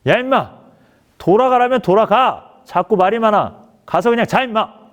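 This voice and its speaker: A man voicing a gruff, angry male army company commander who barks and scolds. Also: fairly high pitch, animated, normal speed, pitched above the performer's own voice, lightly acted. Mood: shouting. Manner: barking, scolding shouts.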